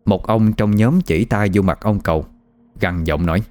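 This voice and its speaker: A man's voice: fairly low pitch, moderate pace, darkish tone. A man with a Southern Vietnamese accent narrating a ghost story in a dramatic, vivid manner. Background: faint music.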